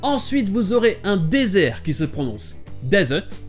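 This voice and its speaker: A man hosting a scripted pronunciation lesson, explaining clearly and modelling words slowly. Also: sits high, sing-song. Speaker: English teacher and channel host. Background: soft background music.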